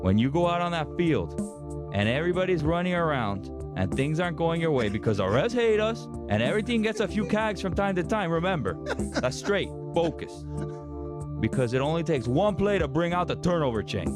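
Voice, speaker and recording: A man playing a brash, hyped-up young Miami superfan with a Cuban-American accent, delivering a booming, dramatic motivational speech in slangy Spanglish over music. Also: big pitch swings, a little fast. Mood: fired-up, defiant. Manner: emphatic, dramatic build-ups, slangy Spanglish. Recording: background music under the voice.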